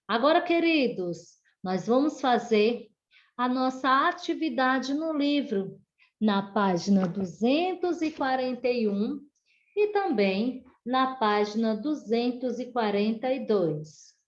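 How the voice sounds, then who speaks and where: A woman's voice: on the high side, animated. A woman teacher with a Brazilian Portuguese accent, giving an online class to children and dictating word by word. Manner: slow, deliberate word-by-word dictation. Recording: dull lo-fi home video audio.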